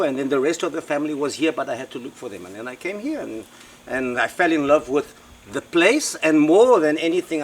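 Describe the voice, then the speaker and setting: A man's voice: fairly high pitch, slight background noise. A middle-aged man from South Africa with a South African accent, telling his life story in a rambling way, repeating words and using many fillers. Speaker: interviewee, local host. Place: outdoors by a river in the Amazon.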